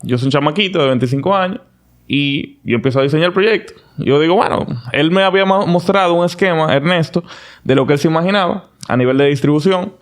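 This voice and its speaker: Speaking a little high and at a quick pace, a man on a podcast shares his story. He sounds casual, animated and self-assured, with frequent restarts.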